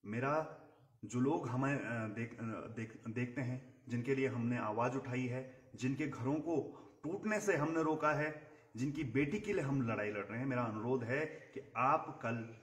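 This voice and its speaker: A man's voice: mid-range voice, a little slow. Echoey outdoor recording of an earnest man. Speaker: activist co-presenter. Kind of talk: live political appeal. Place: outdoor terrace in the hills. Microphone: phone a short distance away. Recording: echoey, noisy open-air phone recording.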